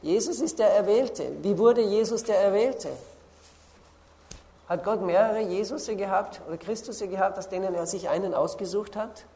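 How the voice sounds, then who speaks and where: A woman preaching a sermon, slowly stressing key words and pausing to look up Bible verses. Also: mid-range voice, mellow.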